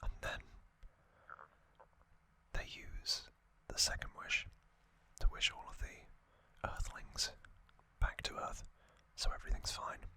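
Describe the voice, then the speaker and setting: An ASMR host gives an explainer in a breathy, unvoiced whisper that sounds unscripted and unhurried, with frequent pauses. The tone is sharp.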